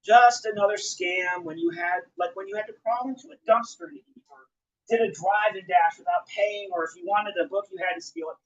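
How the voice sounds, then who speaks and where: In a dull, lo-fi live recording, a male poet gives a spoken-word reading, declaiming with emphatic rhythm. His voice is high-pitched and fairly bright, and he moves at a brisk pace.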